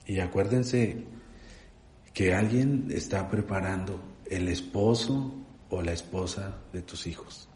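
Earnest low-voiced man preaching. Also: darkish tone, slight background noise. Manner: earnest, fatherly, with frequent pauses and fillers. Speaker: church speaker. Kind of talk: sermon exhortation closing in prayer. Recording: roomy echo.

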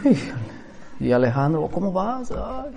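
A man's voice: sits high, measured pace, creaky. A man preaching a sermon, telling anecdotes in a conversational way. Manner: storytelling, conversational, lively anecdotes.

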